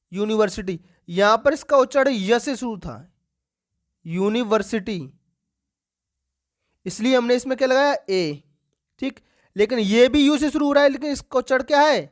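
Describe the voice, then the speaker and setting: A woman teacher leads an exam-prep grammar lesson for schoolchildren. She keeps asking the class questions and then answering them herself. She repeats the key words slowly for emphasis. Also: on the high side.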